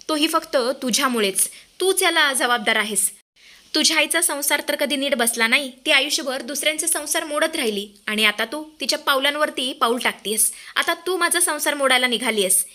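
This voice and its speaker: A woman's voice: sits high, pushed and bright. A woman voicing a proud, domineering mother-in-law who insults a young girl in a narrated TV-serial recap. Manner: harsh, contemptuous.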